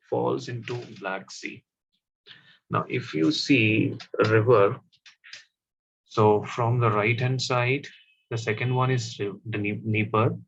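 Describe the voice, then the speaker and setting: A man teaching a class, explaining step by step and often pausing with fillers. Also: medium pitch, creaky, a little hiss or hum. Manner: slow, stop-start explaining with fillers. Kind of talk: classroom map lesson. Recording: dull, slightly lo-fi audio.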